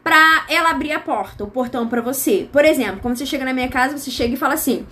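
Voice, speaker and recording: A woman's voice: high voice, fast, bright, forceful tone. A Brazilian woman teacher giving an online grammar lesson in a chatty style, with asides and imagined student questions. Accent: Brazilian Portuguese.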